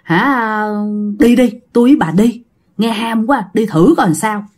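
A woman's voice: fairly high pitch, expressive, measured pace, a little mellow. Woman doing a bold curious young girl. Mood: eager coaxing. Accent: Southern Vietnamese. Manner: eager, coaxing.

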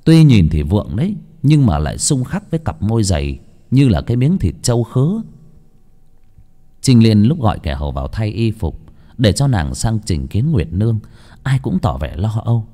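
Audiobook reader: man, lively intonation, mellow tone, long hall reverb. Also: fairly low pitch, normal speed. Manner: expressive storytelling. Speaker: narrator. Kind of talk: audiobook narration.

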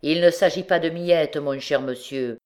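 A woman's voice: low voice, measured pace, a little mellow. A woman voicing a male ex-convict bandit who threatens with mocking, overly polite menace, in an audiobook reading. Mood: menacing, mocking.

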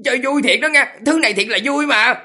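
A shrill, bright-voiced madman, boastful and childlike, rattling along fast. The voice is pitched far above a man's normal range, tense and a little husky, full of giddy excitement. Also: exaggerated voice. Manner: giggly, boastful, wheedling high voice. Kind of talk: audiobook character voice.

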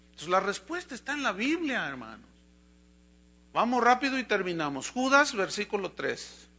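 A man preaching a sermon as pastor, telling a fable with animated storytelling. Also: high-pitched, moderate pace.

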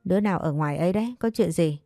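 A woman storyteller voices a bossy middle-aged mistress of the house, barking orders in a low, mellow voice. The recording is dry and close. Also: racing, no echo, soft background music, close to an everyday voice. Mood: commanding.

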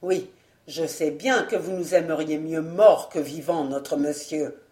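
A woman's voice: low-pitched, unhurried, a little mellow, reverberant, pitched below the performer's own voice. A woman voicing a grumbling, sleepy old male steward who mutters sulkily. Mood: sulky. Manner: muttering, sulky.

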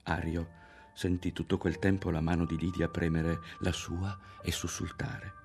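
A man reading a literary novel aloud in a measured, expressive narration. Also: low-pitched, faint music behind. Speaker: audiobook reader.

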